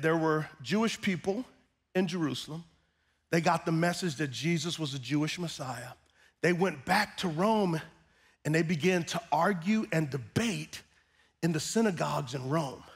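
A middle-aged man preaching a sermon on a church stage, animated and calling out to his congregation. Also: sits high, slightly rough. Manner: animated, gesturing, calls out to the congregation. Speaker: pastor. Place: large church stage with band gear.

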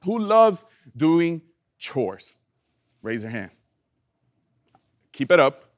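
A young man preaching a youth sermon, lively and playful, calling on the audience to answer back. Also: on the high side, drawn-out words. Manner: animated, playful, calls for audience response. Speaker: youth pastor.

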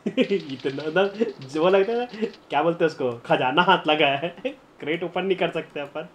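A young man streaming a game live, chatting to viewers and breaking into excited shouts and laughter. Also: on the high side, moderate pace, slight background noise. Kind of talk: live gameplay commentary.

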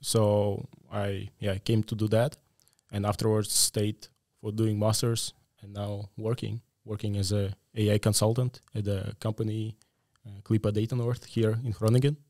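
A man's voice: fairly low pitch, flat delivery, moderate pace, hardly any pauses, a little mellow, dry recording. A man from Latvia in his thirties, a guest in a podcast interview, talking with many fillers into a studio mic. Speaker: guest, AI consultant. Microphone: studio mic on a stand.

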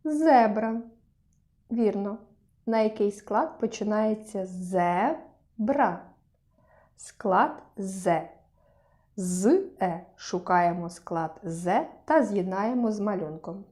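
A woman teaching a speech lesson to young children, sounding out syllables clearly and praising often. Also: mid-range voice, slow, darkish tone.

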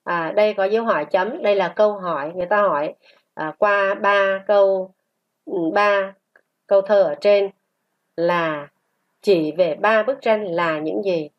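Slow woman teacher spelling syllables. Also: medium pitch, dull audio. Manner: slow, spells syllables aloud and repeats rhymes. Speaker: primary school teacher. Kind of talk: first-grade reading lesson.

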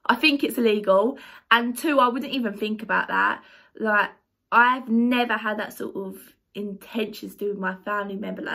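A woman's voice: a little high, fairly bright tone. Chatty sarcastic young woman. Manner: reads comments aloud, then reacts. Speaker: YouTuber answering viewer comments. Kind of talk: casual comment-reading vlog.

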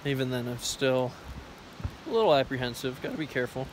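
A hiking vlogger films himself on a forest trail with his phone camera held at arm's length, rambling casually as he walks. His mid-range voice is steady in tone and a little fast, and the handheld outdoor recording is noisy.

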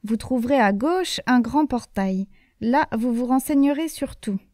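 A woman voicing a tall, solemn male angel who keeps a ledger, calm and matter-of-fact. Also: a little high, measured pace, no echo.

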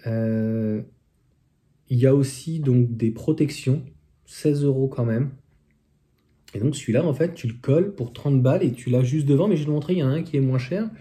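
An electric car vlogger gives a loose, casual review of car accessories at a normal speed. His very dark, mellow voice sits at an ordinary pitch, and he hesitates often, filling gaps with fillers and restarts.

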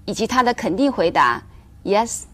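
Woman teaching English in a clear, measured voice. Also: medium pitch, big pitch swings, a bit bright. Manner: clear, measured explanation, slowing down for English examples. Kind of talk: recorded English lesson for Chinese learners.

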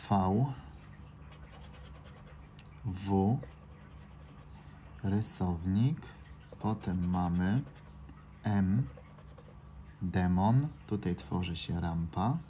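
A man calmly reading out letters and words one by one as he scratches off lottery cards, indoors by an open window. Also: sits low, extremely slow, pauses often. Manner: reads out letters and words one by one in a calm, steady drone. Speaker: scratch-card vlogger. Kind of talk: casual scratch-off commentary. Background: faint noise through an open window.

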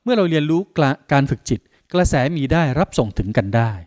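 A man from Thailand, a Buddhist monk, leading a guided meditation in slow, calm, soothing instructions with pauses. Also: fairly high pitch, no room sound, studio quality.

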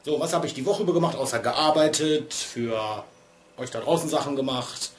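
Speaking at a normal speed in a medium pitch, this thirtysomething streamer and vlogger wanders through casual talk in a small home room lit by LED strips. He's chatty and self-deprecating, drifts off on tangents, and sounds a bit congested from a cold.

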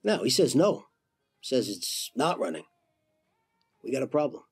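A man playing a childish mafia boss in a comedy sketch, speaking solemnly and deliberately like a fatherly godfather. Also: mid-range voice, big pitch swings, breathy edge, full character voice. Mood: deliberate, scheming. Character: childish Italian-American mob boss, grave and fatherly. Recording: music playing under the voice.

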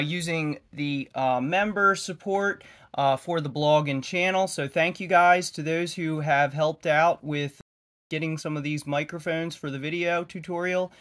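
In a clearly noisy home video, a man explains a tech task step by step while doing it, keeping things casual and chatty. His voice sits on the high side and sounds a bit bright.

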